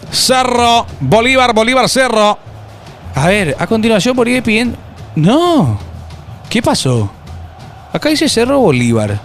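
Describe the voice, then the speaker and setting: A young man in his twenties with a high, bright, forceful voice. He hosts a casual football live stream, bantering and reading chat messages aloud. Faint music plays underneath. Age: 20s. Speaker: streamer hosting a football watch-along.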